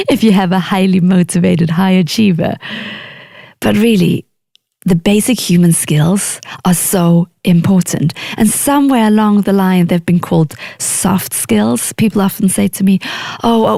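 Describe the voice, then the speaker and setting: Danish-accented woman with a gravelly voice. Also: lowish voice, warm tone, no echo, clean studio sound. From Denmark. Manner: earnest, emphatic, acts out quoted clients. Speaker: podcast host and executive coach. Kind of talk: solo podcast monologue.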